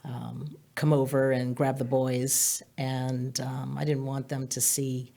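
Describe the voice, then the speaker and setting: A middle-aged woman with a Boston accent, a guest telling her story in a measured, halting way during a casual interview. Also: very deep voice, flat delivery, gravelly, mellow. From US East Coast. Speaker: insurance agent guest.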